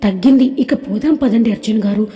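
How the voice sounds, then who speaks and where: A wary, sensitive young woman, as a woman narrator puts her on in an audio story. She speaks hesitantly and softly in a mellow voice, and a long hall reverb trails behind it. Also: a little high, brisk, muffled recording, lightly acted. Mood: hurting.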